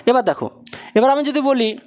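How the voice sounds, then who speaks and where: A man who speaks Bengali natively, teaching English in a slow, repetitive classroom drill, often quizzing with questions. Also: very high-pitched, darkish tone. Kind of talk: classroom lesson with repeated drills.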